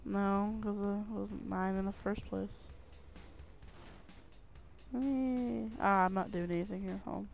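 A man's voice: sits high, fairly even intonation, takes it slowly, vocal fry, pauses often, faint music behind. A young man co-hosting a gaming video with casual, teasing banter. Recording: slightly noisy home mic with clicks.

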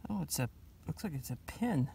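A man from Canada narrating his metal-detecting finds in a forest, in an unhurried, muttering way, recorded outdoors on a camera mic. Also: fairly high pitch, expressive, gravelly, dark tone, a little hiss or hum. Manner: muttering, unhurried, talking to himself. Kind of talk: casual outdoor commentary.

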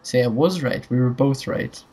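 A man's voice: mid-range voice, moderate pace, a little mellow, slight background noise. A young man hosting a gaming video, chatting crudely and joking with a friend while he plays. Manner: crude, joking, laughs often. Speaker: gaming channel host. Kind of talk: casual gameplay commentary chat.

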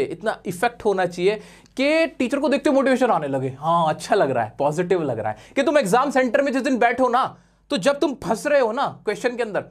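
A male teacher giving a live exam revision class, talking in a chatty, teasing way and mixing in English terms. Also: high voice.

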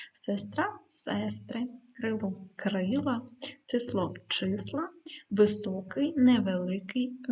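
Husky lady teacher reading out words slow for the kids, kinda muffled lo-fi sound. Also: mid-range voice, a little mellow. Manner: slow, clear dictation of words with hesitant fillers. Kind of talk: video lesson for schoolchildren. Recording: dull lo-fi recording.

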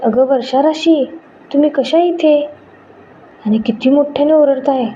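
A woman voicing an emotional, excitable young newlywed bride who talks in a lively, surprised way. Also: sits high, a little slow, voice pushed up. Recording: dull lo-fi with faint noise.

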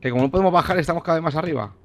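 A man's voice: on the high side, racing, a bit bright. A man, playing a game with a friend and teasing him with crude, mock-gloomy banter. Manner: teasing, swears freely, dry mock-gloom. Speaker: gamer playing together online. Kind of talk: casual let's-play banter.

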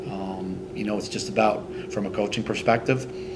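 A middle-aged man, a head football coach, answering post-game interview questions in a halting way, with many fillers and restarts. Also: fairly low pitch, fairly even intonation, noisy background. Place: indoors in front of a team logo backdrop.

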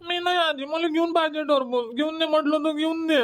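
Little cartoon boy, played by a man: whiny, pleading, pitched well up. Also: fairly even intonation, fairly quick, a bit bright. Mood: whining. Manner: whining, begging.

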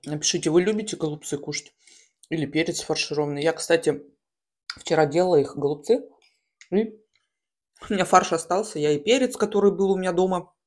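Seated at a table in a small room at home, this woman hosts a mukbang. Her voice is lowish and somewhat dark. She chews and smacks as she talks, pausing between bites and chatting casually in slangy, colloquial terms.

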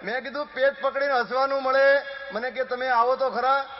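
Performing live folk comedy, a Gujarati stand-up with a high voice and steady tone quickly plays out conversations between quoted villagers and his wife. Laughter from the crowd fills the background of a dull, heavily echoing hall recording.

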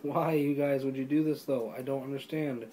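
Rambling excitable young man unboxing. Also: mid-range voice, moderate pace, a little hiss or hum, rough recording. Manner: rambling, excitable, filler-heavy. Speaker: YouTuber reviewing discs. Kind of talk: casual unboxing chat.

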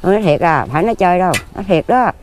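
Outdoors among the graves, a lottery ticket seller in her fifties gives a casual interview, her Southern Vietnamese voice on the low side with lively intonation and a racing pace. Background noise is audible as she talks plainly, earnestly and at length, rambling as she goes.

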